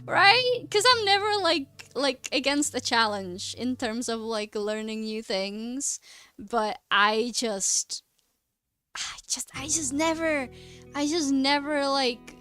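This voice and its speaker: A young streamer from the Czech Republic, Czech by first language, chats casually while drawing, rambling, laughing often and searching for words. Her high voice is pushed, bright and smooth, and she takes it slowly. Faint music plays underneath.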